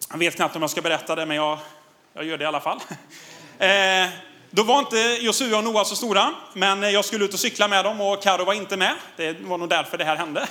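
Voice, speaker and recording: A man in his thirties preaches to a congregation, telling a story from his own life with lively, animated delivery. His voice sits high and sounds bright and forceful. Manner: animated storytelling, laughs often, audience laughs back. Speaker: pastor. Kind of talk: sermon with personal story.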